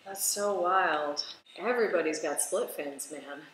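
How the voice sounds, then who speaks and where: A woman's voice: on the low side, a little slow, a bit bright, a little hiss or hum. A woman, a scuba diving instructor, chatting animatedly as she reacts to and explains dive footage. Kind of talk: casual reaction commentary. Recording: very echoey room, faint ambience.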